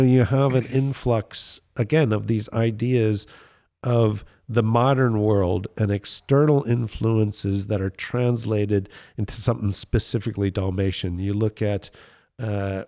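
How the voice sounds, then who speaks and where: A middle-aged man from the United States speaks in a fairly low voice as a guest on a relaxed interview show. He talks thoughtfully and with enthusiasm, often pausing on fillers while he shapes his points. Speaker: guest winemaker.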